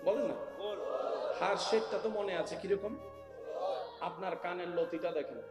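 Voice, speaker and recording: A man preaching an Islamic sermon at a gathering, shouting at times and calling the crowd to answer him. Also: high voice, normal speed. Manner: shouts to the crowd, calls for responses. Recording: echoey PA sound, with music.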